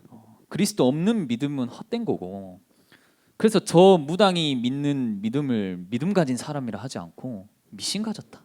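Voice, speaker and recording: A man preaching a sermon to a college group, animated and full of rhetorical questions, acting out the people in his stories. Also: mid-range voice, moderate pace.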